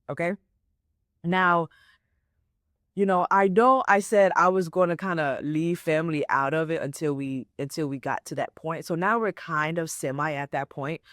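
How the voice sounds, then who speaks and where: This is a low-voiced woman in her twenties, a life coach hosting a motivational podcast on her own. She keeps it casual, checks in with "right?" and "okay?", and repeats herself to underline points. Clean studio sound, no room sound.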